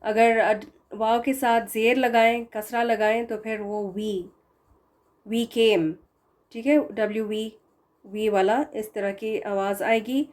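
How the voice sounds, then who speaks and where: Female teacher, somewhat high pitch, patient explainer who drills words slowly. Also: steady tone, a little mellow. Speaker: Quran recitation teacher. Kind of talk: explaining pronunciation lesson.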